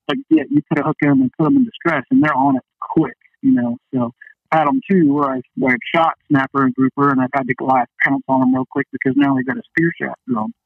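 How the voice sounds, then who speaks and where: A guest fishing captain chats by phone in a casual storytelling interview, folksy and peppering his talk with "you know." He has a high-pitched voice with vocal fry, no room sound, and the call comes through a dull, band-limited line.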